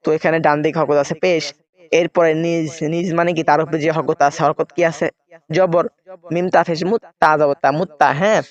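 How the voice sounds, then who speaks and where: A man's voice: fairly high pitch, fairly even intonation, a little fast, muffled recording. A man teaching Quran reading step by step, spelling out letters and vowel marks and often checking in with his listeners.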